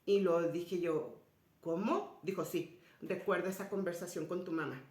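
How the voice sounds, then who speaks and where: A woman giving a spiritual personal testimony to an audience, retelling conversations and often dropping to a soft, low voice. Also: steady tone, normal speed. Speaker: speaker sharing a personal story. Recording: roomy echoey sound.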